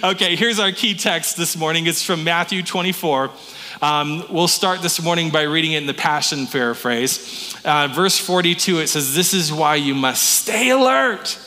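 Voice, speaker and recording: A man's voice: fairly high pitch, fairly even intonation, moderate pace, big-room sound. A man pastor giving a conversational sermon, often restarting his words with stammers. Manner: warm conversational preaching with frequent stammered restarts. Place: church sanctuary.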